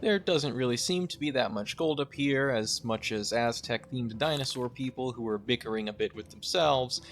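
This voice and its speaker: A man's voice: mid-range voice, normal speed, a little hiss or hum. A young man giving a scripted but conversational narration as a video game essayist. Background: music.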